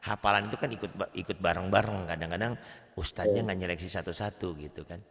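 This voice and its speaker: A man's voice: fairly even intonation, quick pace, creaky, fairly bright tone, big-room sound. A man with an Indonesian accent teaching Quran reading one-on-one, patiently explaining recitation rules. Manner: patient, explains rules then chants verses high to demonstrate.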